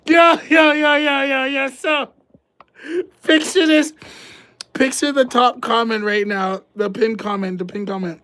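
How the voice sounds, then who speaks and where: A woman's voice: sits high, fairly even intonation, unhurried, a bit bright, slight background noise. A woman hosting a casual ASMR livestream, chatting and giggling with her viewers in a rambling way.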